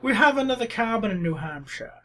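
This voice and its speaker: A man's voice: very high voice, very animated, a little fast, background noise, voice pushed up. A man putting on a snooty New England summer-home owner through clenched teeth. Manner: haughty, snobbish.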